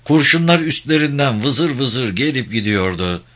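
Brief: male audiobook narrator, steady delivery, forceful bright tone. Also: medium pitch, normal speed. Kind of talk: scripted narration of a war novel.

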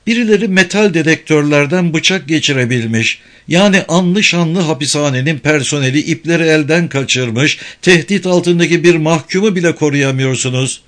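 A man's voice: a little high, normal speed, few pauses, a bit bright, voice pushed up, close to an everyday voice. A man voicing a tough, cold-tongued young woman prisoner in an audiobook. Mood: cutting. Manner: cold, cutting.

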